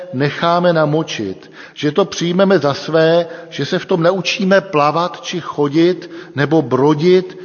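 Man, sermon, somewhat high voice, measured delivery, long church reverb, dull lo-fi sound. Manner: measured, deliberate delivery with emphatic pauses. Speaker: preacher.

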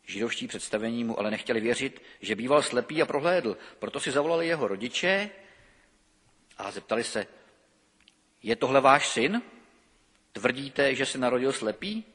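A man's voice: mid-range voice, husky. A middle-aged man preaching a sermon, reading scripture expressively and then talking freely with hesitations. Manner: lively expressive reading, halting with fillers when speaking freely. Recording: long reverb of a church hall.

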